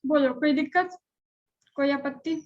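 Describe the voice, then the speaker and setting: High-pitched woman teaching chemistry, muffled. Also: unhurried. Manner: conversational, checks on students often. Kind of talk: live online class lecture.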